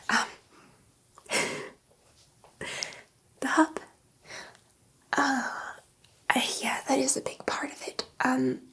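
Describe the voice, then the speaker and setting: A woman plays a gentle, excitable alien scientist for a sci-fi ASMR roleplay, her high, breathy whisper very slow and soft. Halting and coaxing, she sounds fond as she explains, reassuring a human test subject.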